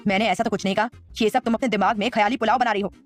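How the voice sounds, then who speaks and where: A woman's voice: medium pitch, fairly even intonation, racing, soft background music, close to an everyday voice. A woman voicing an aloof, stern young man who answers curtly in an audio drama. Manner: curt, dismissive.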